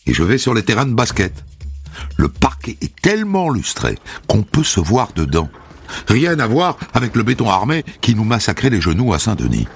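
Husky young man with a banlieue accent. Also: fairly low pitch, moderate pace. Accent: Paris banlieue French. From Paris suburbs, France. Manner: lively, wry, animated. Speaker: storyteller. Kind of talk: first-person storytelling.

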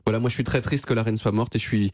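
Husky-voiced man giving a radio chronicle. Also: fairly low pitch, fairly even intonation, rapid-fire, a little mellow, no room sound, clean studio sound. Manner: chatty, playful, with frequent restarts. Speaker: radio columnist.

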